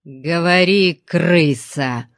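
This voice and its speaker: A man voicing a brutal, thick-necked guard who growls slow, loud threats. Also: on the high side, no echo, clean studio sound, heavily acted. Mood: menacing.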